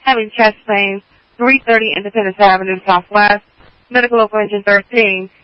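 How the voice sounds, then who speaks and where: Guy dispatcher on a walkie talkie, high voice, muffled radio sound, clipped codes. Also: fairly even intonation, no room sound. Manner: clipped, rapid call codes and times. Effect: over a two-way radio. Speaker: emergency dispatcher. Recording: muffled dry radio transmission.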